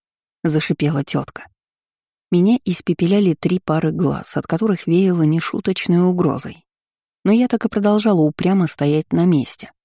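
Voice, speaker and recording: Low dark-voiced woman reading a novel. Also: dry recording, studio quality. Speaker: narrator. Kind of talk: first-person audiobook reading.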